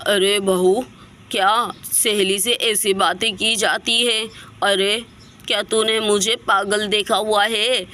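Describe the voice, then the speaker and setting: A woman's voice: medium pitch, fairly even intonation, takes it slowly, pushed and bright. A woman voicing a suspicious, scolding older mother-in-law in a doll story. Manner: scolding, bossy. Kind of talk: storybook voice acting for a doll video.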